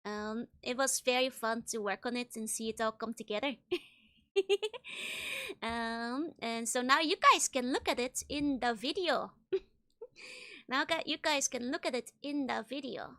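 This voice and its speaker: A woman livestreamer chatting casually with viewers in a bubbly, giggly, gushing way, with a high-pitched bright voice. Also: unhurried. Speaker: streamer, virtual YouTuber host.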